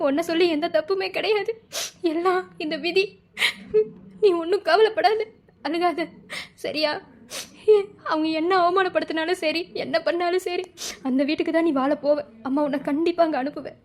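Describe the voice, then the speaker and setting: Cartoon drama: woman as anguished mother, high voice, weeping lament. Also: steady tone, normal speed. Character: anguished middle-aged mother.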